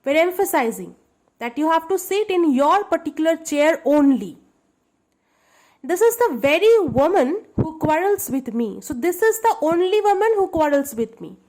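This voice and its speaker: A woman's voice: very high voice, very animated, moderate pace, darkish tone. A woman teaching a grammar lesson to schoolchildren, explaining patiently and checking that they understand.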